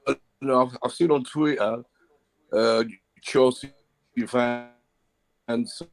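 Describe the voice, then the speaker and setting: A man calling in to a casual fan chat; his mic keeps cutting out, so his volume jumps up and down, and he talks haltingly and checks that he is heard. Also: medium pitch, fairly even intonation, rough recording. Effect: cutting-out mic with uneven volume. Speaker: fan caller on a live show.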